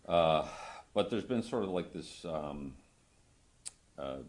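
A man questioning a witness in court as a lawyer, conversational, phrasing things haltingly and seeking confirmation. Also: low-pitched, animated, darkish tone.

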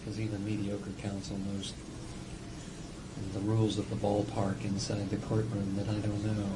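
A man speaking as a psychiatrist in a recorded evaluation interview, explaining things deliberately and at length, with hesitant pauses. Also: on the low side, monotone. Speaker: psychiatrist doing a competency examination. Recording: noisy old interrogation-style tape.

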